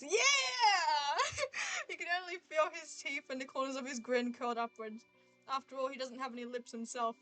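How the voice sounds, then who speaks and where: A woman streaming a dating game, reading its text aloud and reacting with excited squeals and laughter. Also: a little high.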